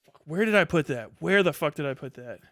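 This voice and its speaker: On a dry, close streaming mic with no echo, a fairly high-voiced man delivers a brisk, improvised rant to his livestream chat. He sounds animated and mocking, and the swearing never lets up.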